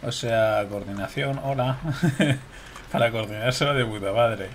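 A man's voice: fairly low pitch, normal speed, a little hiss or hum. A young man with a Spain Spanish accent commenting casually on his gameplay, swearing, laughing and talking to his viewers. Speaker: gameplay streamer.

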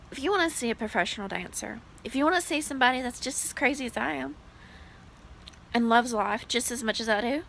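Bright, gushing young woman vlogger. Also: on the high side, a little hiss or hum, poor audio. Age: 20s. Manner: chatty, gushing, many "like" fillers. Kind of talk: casual vlog chat to camera.

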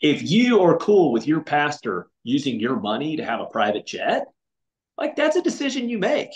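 Speaking in a fairly high, sing-song voice at a moderate pace, a middle-aged podcast guest talks earnestly on a casual video call. He frequently restarts his sentences and fills gaps with fillers. The setting is a home room with windows, heard with a roomy echo.

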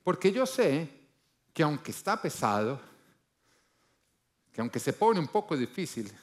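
A male pastor preaching, his voice sitting a little high for a man. He leans hard on key lines, then falls to a low, quiet delivery. He acts out the people he quotes as he goes. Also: very animated, measured pace. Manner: emphatic, rising to loud bursts then dropping low. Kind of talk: sermon.

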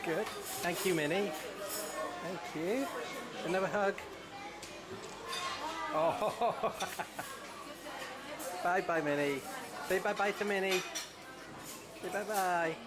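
A woman filming her small child and gently coaxing him to smile for photos in a busy restaurant. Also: on the low side, slow pace, pauses often. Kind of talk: casual family video narration. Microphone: handheld camera. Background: crowded restaurant chatter.

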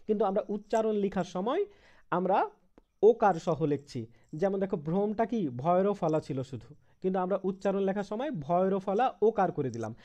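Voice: medium pitch, fairly quick, dark tone. A teacher from Bangladesh with a Bangladeshi Bengali accent, giving an online grammar lesson and patiently repeating each example, with English words mixed into the talk.

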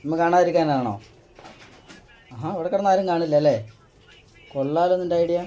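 A man in a casual family vlog at home, gently coaxing and soothing a crying child. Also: fairly high pitch, brisk. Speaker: family vlogger.

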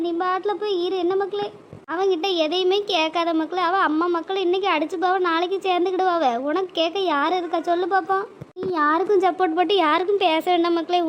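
A woman's voice: extremely high pitch, muffled recording, slight background noise. A woman voicing a caring older mother in a cartoon, speaking affectionately and coaxingly.

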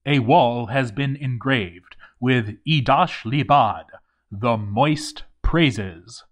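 With a mid-range voice, a man reads a game story aloud as dramatic narration, using theatrical emphasis and deliberate pauses.

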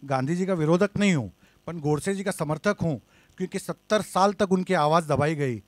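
A man's voice: a little high, fairly quick, dry recording. A man speaking fervently in support at a press conference, combative and declarative. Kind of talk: impassioned speech.

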